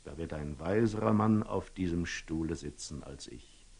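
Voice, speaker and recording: An actor playing a wise, calm merchant and eloquent storyteller in a classical radio drama, speaking with rhetorical, deliberate emphasis. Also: male voice, deep voice, vocal fry, slightly rough, full character voice. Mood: solemn, admonishing. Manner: rhetorical, deliberate, with emphatic rises and hushed drops.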